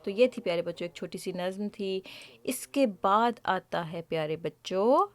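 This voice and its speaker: A patient woman host explains things gently to a child, speaking at an ordinary pitch. Her manner is teacherly, and she checks in with the child by asking questions.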